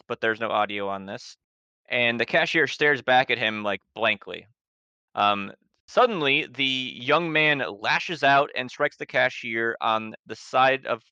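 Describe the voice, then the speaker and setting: Brief: male game master, casual rambling narration, clear smooth voice. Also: medium pitch, bright, forceful tone, dry recording, dull audio. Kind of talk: narrating a tabletop horror game.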